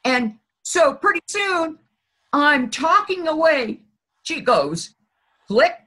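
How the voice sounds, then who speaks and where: A woman in casual chat, telling a story in an animated way and repeating phrases for emphasis. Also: high-pitched, takes it slowly.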